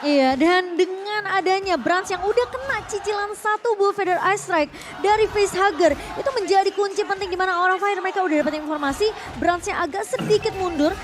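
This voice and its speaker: A woman's voice: extremely high pitch, fairly quick, few pauses. A woman with an Indonesian accent giving live analysis as an esports co-commentator.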